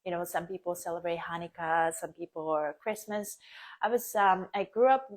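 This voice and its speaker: A woman's voice: on the low side, steady tone, normal speed. A woman born and raised in Japan, hosting a casual live stream, chatty with frequent laughs and many fillers. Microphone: phone or webcam, live stream.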